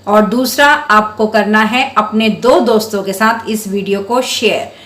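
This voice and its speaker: A woman teaching young children to read, sounding out syllables slowly and clearly in a patient, encouraging way. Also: medium pitch, a bit bright, reverberant. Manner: drawn-out syllables for sounding out words. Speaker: primary school Hindi teacher.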